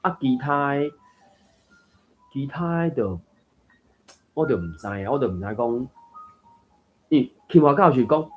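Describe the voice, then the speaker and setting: A man's voice: medium pitch, animated, unhurried, pauses often, phone-quality sound. A man with a Taiwanese accent hosting a casual reading group talk, musing and thoughtful, with faint music behind. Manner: thoughtful, musing, with fillers and laughs. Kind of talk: casual discussion of Taiwanese texts.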